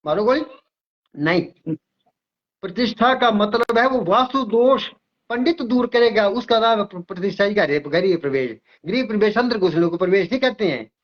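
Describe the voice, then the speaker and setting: A man's voice: high-pitched, expressive, normal speed, dull audio. An older man who works as an astrologer, from Himachal Pradesh, explaining emphatically in an interview and often repeating his words. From Himachal Pradesh, India.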